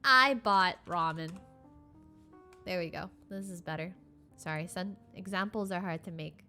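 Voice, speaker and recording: A woman's voice: fairly low pitch, steady tone, normal speed, faint music behind. A woman giving a casual live-streamed beginner lesson, explaining with lots of fillers and restarts. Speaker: streamer teaching Korean.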